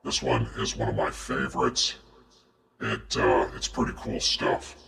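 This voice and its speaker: Voice changer monster voice: extremely low, gravelly, echoey. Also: male voice, fairly even intonation, measured pace, a bit bright, exaggerated voice. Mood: pleased. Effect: voice changer making a very deep gravelly voice.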